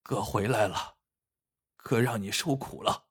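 A man voicing a gruff vengeful bandit. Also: fairly low pitch, a little slow, pitched below the performer's own voice. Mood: tender. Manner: gruff, cold and menacing. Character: vengeful hard young male bandit hero.

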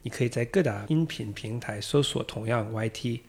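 Gravelly American man speaking as a non-native. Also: medium pitch, normal speed, darkish tone. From United States. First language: English. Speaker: podcast guest. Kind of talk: casual interview talk.

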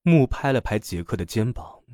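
A man reading a story aloud in an expressive, dramatic manner. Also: mid-range voice, normal speed, no room sound. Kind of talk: scripted story narration.

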